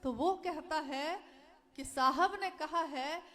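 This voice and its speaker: A woman's voice: high voice, slow pace, pushed and bright. A woman giving an earnest devotional talk, pleading with listeners and repeating her key phrases. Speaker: speaker at a devotional gathering.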